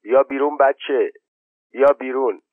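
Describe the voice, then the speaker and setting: Male reader playing a commanding village headman, older, voice lifted to shout; thin, dry, phone-like audio. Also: mid-range voice, animated, no echo, voice pushed up, close to an everyday voice. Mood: calling, urging. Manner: calling out loudly, commanding. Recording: tinny phone-like narrow band.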